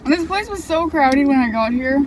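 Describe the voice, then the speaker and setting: A woman's voice: sits high, normal speed. A teenage girl vlogger chatting casually in a parked car, giggly and rambling, while eating fries. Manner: giggly, rambling, self-interrupting. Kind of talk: casual chat. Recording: steady car and street noise.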